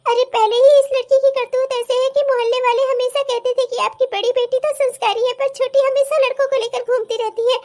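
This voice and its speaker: A woman's voice: very high voice, flat delivery, fast talker, few pauses, darkish tone. A woman voicing a distraught widowed mother of two grown daughters in a dramatic cartoon, wailing and scolding. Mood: despairing.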